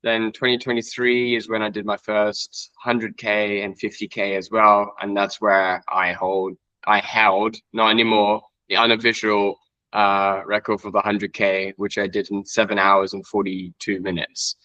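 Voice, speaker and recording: A man's voice: fairly low pitch, level tone, measured pace, pushed and bright, dry recording, highs cut off. A man in his twenties from Iceland, a guest trail runner chatting casually in an interview, rambling with many fillers and self-corrections. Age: 20s.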